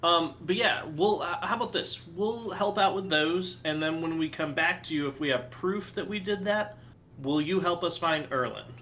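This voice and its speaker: A man's voice: fairly high pitch, moderate pace, pushed and bright, slight background noise. A man playing a tabletop role-playing game, bargaining casually and swearing freely. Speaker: player.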